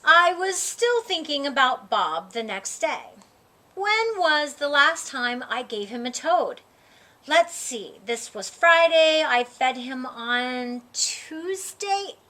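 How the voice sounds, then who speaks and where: A woman with a high, bright voice reads a children's book aloud slowly, narrating as the story's young character and giving phrases expressive, dramatic emphasis.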